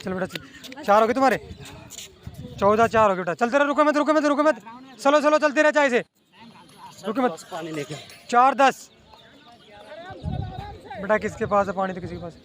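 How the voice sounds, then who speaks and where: A man's voice: extremely high pitch, expressive, moderate pace, long pauses. A man coaching runners outdoors, calling out lap times and repeatedly urging them to keep going. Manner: repetitive, encouraging shouts. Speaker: running coach. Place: outdoor running ground.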